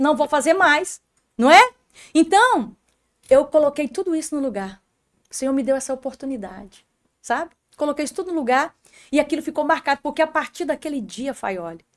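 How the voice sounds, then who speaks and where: Mulher brasileira de voz aguda contando testemunho. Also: female voice, high voice, a bit bright. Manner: emotional storytelling, often addressing the host by name. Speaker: podcast guest. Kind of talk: faith testimony in an interview.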